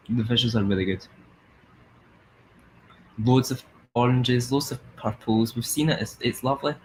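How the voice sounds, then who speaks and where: A man's voice: mid-range voice, slight background noise, poor audio. A young Scottish man chatting casually as host of a live stream, rambling with lots of fillers. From Scotland. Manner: chatty, rambling, sings along in snatches.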